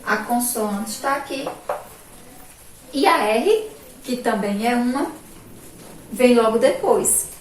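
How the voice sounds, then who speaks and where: Brazilian woman teacher from Sergipe, slow and emphatic with children, slightly high voice, echoey room from a distance. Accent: Brazilian Portuguese, Sergipe. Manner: slow, drawn-out, emphatic syllables with frequent "ó" and "olha aqui". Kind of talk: remote school lesson for children. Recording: echoey room from far off, faint background noise.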